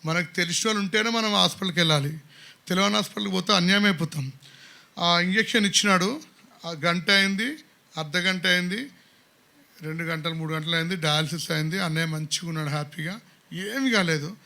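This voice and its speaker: A man's voice: high-pitched, fairly quick, vocal fry, sharp tone. A middle-aged man giving a church testimony, telling his story earnestly, acting out the dialogue and repeating phrases.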